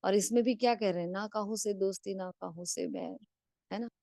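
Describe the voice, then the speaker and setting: A woman's voice: mid-range voice, moderate pace, gravelly, mellow, dry recording, clean studio sound. A woman giving a spiritual discourse on a video call, asking rhetorical questions and checking in with frequent tag questions. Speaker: spiritual class teacher.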